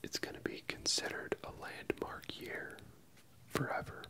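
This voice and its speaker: Someone whispers softly and closely in a casual ASMR film review, pausing hesitantly as they go. A close stereo microphone pans the voice from ear to ear.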